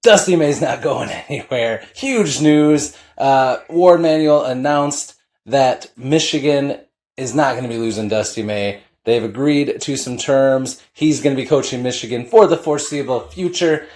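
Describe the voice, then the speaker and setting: A man's voice: mid-range voice, measured pace, darkish tone. A middle-aged man hosting a sports podcast, an eager fan talking in a loose, casual way with plenty of filler uhs.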